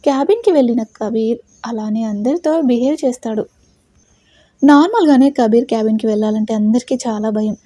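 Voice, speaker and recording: Woman reading an audio love story, husky mellow voice, dry close sound. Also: fairly high pitch, brisk, dry recording. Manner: dramatic storytelling. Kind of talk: scripted audio story narration.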